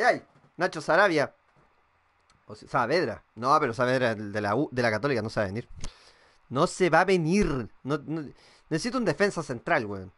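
A young Chilean man with a Chilean accent, chatting casually and swearing while streaming a football game and reading viewers' messages aloud. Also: a little high. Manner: casual and swearing, reads chat aloud, thinks out loud. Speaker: gaming streamer. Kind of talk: live-streamed gameplay chat.

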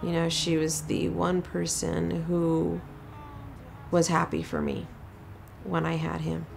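A middle-aged mother speaking softly and reflectively in a documentary interview. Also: sits low, completely flat delivery, takes it slowly, creaky, soft background music.

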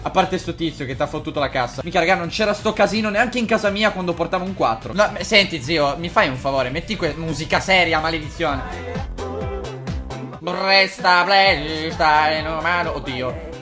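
A man with a somewhat high voice talks over a game as a gaming creator. He jokes and curses as he plays. Faint music from the game runs quietly beneath him. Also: fast talker. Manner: excitable, joking, swears a lot. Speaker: gaming YouTuber. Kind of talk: let's-play commentary.

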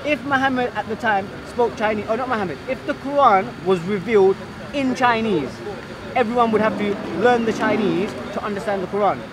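A young man from Bangladesh defending his view in a heated outdoor debate, talking fast with stumbling restarts. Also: sits high. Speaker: debate participant. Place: outdoor park by a kiosk, city crowd. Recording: outdoor crowd noise. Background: crowd chatter.

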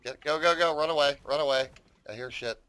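Bright, chatty gamer guy. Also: a little high, quick pace, clean tone. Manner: chatty, rambling, swears, talks to viewers. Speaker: gaming YouTuber. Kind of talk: casual gameplay commentary.

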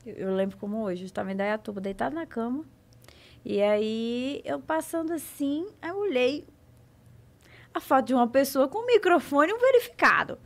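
A woman's voice: high-pitched, animated, normal speed. A woman chatting as a podcast guest, sometimes hesitant and searching for words. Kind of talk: casual chat.

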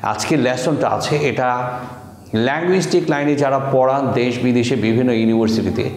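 A man from Bangladesh teaching an online language lesson, repeating words slowly and deliberately to show how they sound. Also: mid-range voice, a little mellow, roomy sound.

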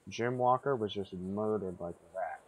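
A man's voice: lowish voice, unhurried. A man giving gameplay commentary, rambling through confused asides to himself. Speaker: gamer.

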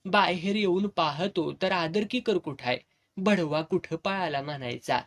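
A man's voice: high voice, a little slow. A man narrating a serialized village novel in a vivid, dramatic storytelling style.

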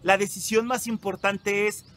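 A young Mexican psychologist and workshop leader gives teenagers an emphatic motivational talk, asking them direct questions. His voice is high and fairly bright, with little pitch movement and an unhurried pace.

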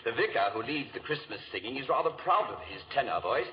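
An actor playing a courteous, anxious English lord in a 1940s radio drama, speaking formally. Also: male voice, mid-range voice, very animated, a little fast, lightly acted. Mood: formal, concerned. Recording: muffled, hissy 1940s radio recording.

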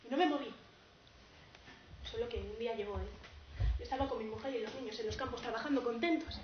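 A young woman acting as a poor, grieving male peasant farmer in a tragicomic stage monologue, telling the story in a broken, halting way. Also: fairly high pitch, recorded from a distance, close to an everyday voice. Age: young adult. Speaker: drama student. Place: theatre stage. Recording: dull, roomy stage recording, noisy.

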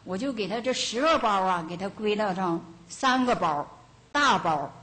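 An older woman giving a Buddhist teaching as a lay teacher, telling lively homespun stories and chuckling now and then. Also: mid-range voice, normal speed. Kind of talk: storytelling dharma talk. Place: lecture hall of a Buddhist centre.

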